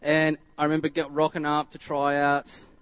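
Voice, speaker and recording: A man's voice: a little high, completely flat delivery, moderate pace, fairly bright tone, clear, resonant tone, no echo. Chatty Australian man preaching casually. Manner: rambling and chatty, full of fillers and restarts. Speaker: church speaker. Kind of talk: casual storytelling sermon.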